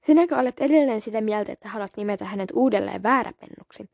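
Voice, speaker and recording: A woman's voice: mid-range voice, vocal fry, a little mellow, dry recording, studio quality. A woman voicing an angry tomcat who protects the kits in a storybook reading, speaking sharply and accusingly. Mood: indignant. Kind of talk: audiobook reading.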